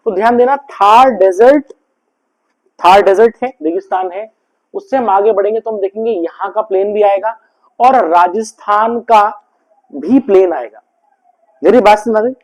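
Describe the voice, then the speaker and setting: A man's voice: high voice, darkish tone, poor audio. A man giving a classroom lecture, mixing in English terms and keeps asking if the students have understood. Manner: mixes English terms into explanations. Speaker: teacher.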